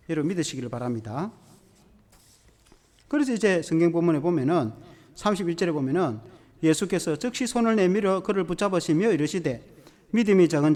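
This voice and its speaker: A male pastor preaches with animated storytelling. His voice sits high and swings through a wide range. A long reverb from the church hall trails each phrase. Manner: animated storytelling with acted-out quotes. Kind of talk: sermon.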